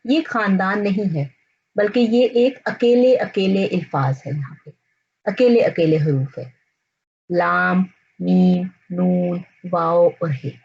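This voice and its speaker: A woman teaching the alphabet, naming each letter and its sound slowly and deliberately. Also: lowish voice, gravelly, darkish tone, husky, muffled recording. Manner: slow, deliberate, spells out letters and sounds one by one. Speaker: language teacher. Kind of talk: slow alphabet lesson.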